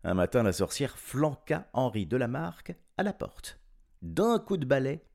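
A man telling a children's story in an animated, playful way, chuckling often. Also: medium pitch, a little slow, gravelly.

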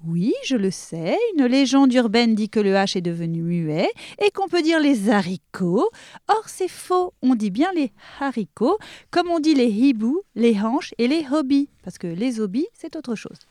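A playful young woman runs a comic pronunciation lesson, teasing her listeners and laughing as she goes. Her fairly high voice swings widely up and down. The sound is dry and close. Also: lively intonation, a little slow, darkish tone, no room sound. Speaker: comic language teacher.

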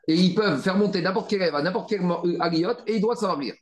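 A man teaching a Talmud study class, animated and repetitive, rallying his students with frequent asides. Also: sits high, fast. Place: study room with students, also streamed on video call. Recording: echoey room.

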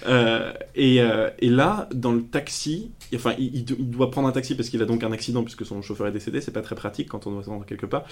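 Male podcast co-host, average pitch, loose anecdotal storyteller who jokes around. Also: fast talker, few pauses. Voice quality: storytelling manner with frequent fillers and jokes. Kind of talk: casual film podcast chat.

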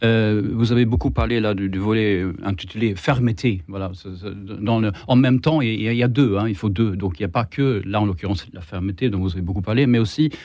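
A man's voice: on the low side, fast, hardly any pauses, a little mellow, no echo, clean studio sound. A man with a Swedish accent speaking as a guest on a political debate panel, hesitant, stumbling over repeated words and restarts. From Sweden.

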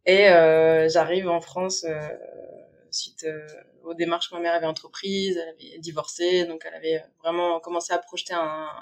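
A woman's voice: lowish voice, level tone, normal speed. Thoughtful, hesitant woman podcast guest. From Syria. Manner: reflective, with frequent hesitations and fillers. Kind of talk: conversational interview.

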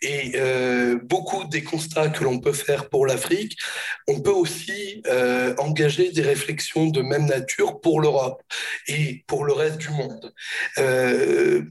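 A man with a hoarse, broken, gravelly voice introducing a public conference in a halting, hesitant way. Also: mid-range voice. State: hoarse, voice cracking. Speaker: institute director introducing speakers.

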